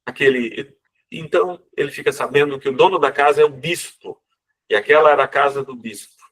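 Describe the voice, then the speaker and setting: Man, friar, sermon storytelling, conversational, lively. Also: medium pitch, fairly quick. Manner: lively, conversational, asks listeners "né?". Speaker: friar preacher.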